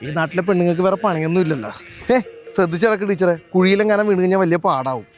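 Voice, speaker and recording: A man's voice: sits high, rapid-fire, faint music behind, lightly acted. An actor playing a stern, cautious male schoolteacher, lecturing in a matter-of-fact way.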